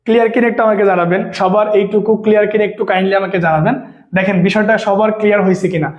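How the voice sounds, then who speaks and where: A man teaching English for an exam, speaking, who keeps asking viewers whether the point is clear. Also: high voice, fairly even intonation, roomy sound, highs cut off. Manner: repeats questions and asks viewers to confirm understanding; reads English examples slowly, explains quickly. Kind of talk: online exam-prep lesson.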